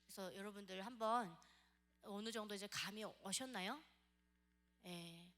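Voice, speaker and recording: A woman from North Korea with a North Korean accent, giving an animated church testimony and acting out the quotes in her story. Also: mid-range voice, unhurried. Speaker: guest speaker giving testimony.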